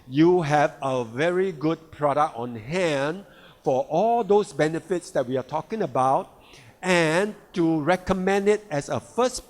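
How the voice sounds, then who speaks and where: A man presenting products at a seminar, emphatic, often checking "all right?" and repeating key words. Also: fairly high pitch. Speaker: sales leader presenting products. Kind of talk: product seminar talk to a live audience. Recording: long hall reverb.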